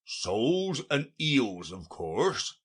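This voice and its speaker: Brief: man doing a ponderous, pompous Gryphon, loud, slow and husky. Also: lowish voice, expressive, heavily acted. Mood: solemn, impatient. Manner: solemn, slow and emphatic. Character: gruff, impatient mythical creature, the Gryphon.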